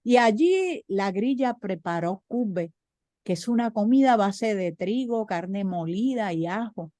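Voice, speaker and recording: A woman with a Puerto Rican accent telling a folk tale aloud, animated with rhythmic repetitions. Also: mid-range voice, a little slow, no room sound. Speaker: storyteller. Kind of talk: oral folk storytelling.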